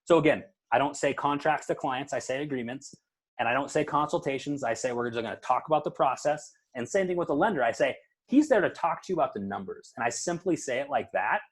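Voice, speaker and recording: Husky-voiced man coaching casually. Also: mid-range voice, animated, fast. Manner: conversational, coaching, acts out client dialogue, many fillers. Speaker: real estate trainer. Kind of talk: casual training talk.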